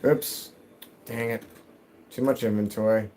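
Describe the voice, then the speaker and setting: A man's voice: on the low side, fairly even intonation, measured pace, dark tone, slight background noise. A man in his thirties chatting casually while gaming on a live stream, answering chat and muttering to himself as he plays, from his home basement.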